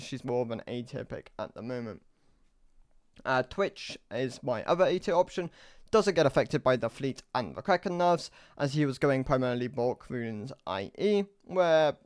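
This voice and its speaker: Smooth man with a dry close mic. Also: medium pitch, no echo. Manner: relaxed, filler-heavy explaining with many restarts. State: losing his voice. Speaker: gaming content creator. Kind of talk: casual game commentary.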